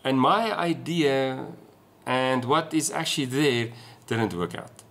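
A man's voice: mid-range voice, lively intonation, slow pace, gravelly, fairly bright tone. A man in his forties from South Africa with an Afrikaans accent, explaining things casually as a vlogger talking to camera indoors. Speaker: sailing vlogger. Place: small room at home, indoors.

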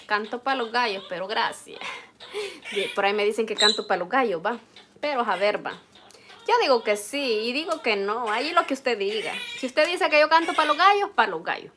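A woman's voice: a little high, slight background noise. A Salvadoran woman with a homely, talkative manner, cooking at home and chatting to her viewers. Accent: Salvadoran Spanish. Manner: homely, talkative, addresses viewers warmly as "usted". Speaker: cooking vlogger. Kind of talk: chatty live cooking stream. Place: home kitchen. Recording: clatter of pots and utensils.

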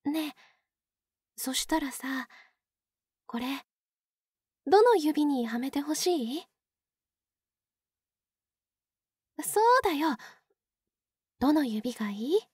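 A woman's voice: high-pitched, very animated, takes it slowly, long pauses, no room sound, clean studio sound, exaggerated voice. A woman playing an obsessive, possessive yandere captor in a Japanese ASMR role-play, cooing and coaxing as if to a pet. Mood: coaxing, controlling. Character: obsessive yandere older-sister type, sweetly possessive captor.

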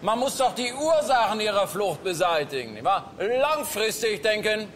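A pompous, condescending cruise passenger, played by a male comedian, lecturing with self-satisfied tag questions. His voice sits fairly high, with faint stage noise behind. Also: big pitch swings, moderate pace, a bit bright. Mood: smug.

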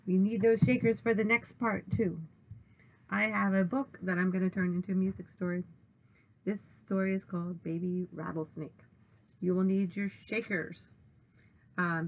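A woman's voice: mid-range voice, rough recording. A woman music teacher giving an online lesson for children, patient and instructive with some "um"s.

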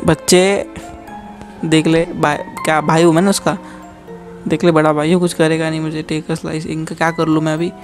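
A man's voice: fairly high pitch, little pitch movement, normal speed, soft background music. A young man gives casual, joking commentary while playing a horror game, teasing the game and talking straight to his viewers. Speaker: gaming youtuber.

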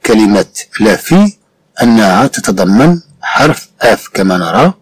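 A man's voice: on the low side, very animated, unhurried, breathy edge, rough recording. A man with a Moroccan Arabic accent teaching a French phonics lesson, patiently repeating sounds and examples.

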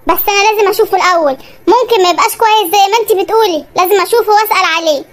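Give me a voice actor playing an affectionate Egyptian cartoon daughter, squeaky and fast. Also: a bit bright. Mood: pleading. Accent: Egyptian Arabic. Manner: pleading, affectionate. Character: sweet young Egyptian daughter.

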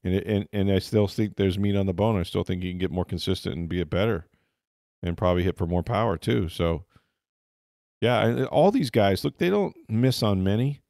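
A sports podcast host who also reports on football chats casually about games and players. His voice is low, creaky, and darkish, and he talks fairly quickly. The studio sound is clean, with no room sound.

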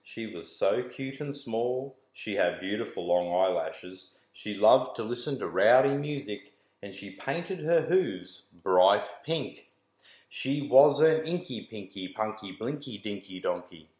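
A school staff member in his forties reads a rhyming picture book aloud to children in a sing-song, rhythmic style. His voice is on the low side, expressive and darkish, at a measured pace. The small, bare-walled indoor room gives a roomy echo.

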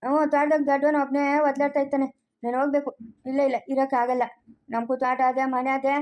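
Woman as a stubborn young village man, rural Chikkaballapur Kannada accent, high voice, rapid insistent talk, family skit. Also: level tone, darkish tone, close to an everyday voice. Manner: insistent, scolding.

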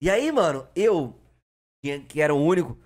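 Brief: young guy, somewhat high voice, lively storyteller who acts out every quote. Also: normal speed. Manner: animated, acts out quotes, laughs often. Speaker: podcast cast member. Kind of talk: casual storytelling chat.

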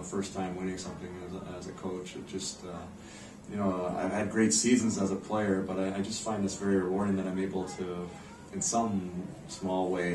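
A North American head ice hockey coach in his forties fields post-game questions with a low-sitting voice, measured and understated, often pausing hesitantly. He's in an indoor press room before a backdrop, picked up by a distant camera mic, so the audio is roomy with clear background noise.

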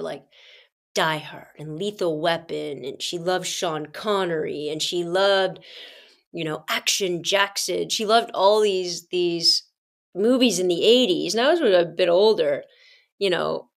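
A woman's voice: lowish voice, gravelly. A middle-aged woman hosting a podcast, telling casual personal stories in a chatty way and calling her listeners "guys". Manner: chatty, addresses listeners as "guys", many fillers and asides. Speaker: podcast host.

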